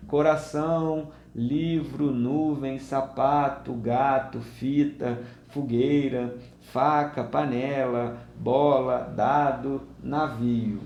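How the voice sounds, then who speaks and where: A man's voice: on the high side, darkish tone. Man, teacher explaining to parents, hesitant fillers, roomy echo, faint background hum. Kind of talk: home teaching video. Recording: echoey room, faint ambience.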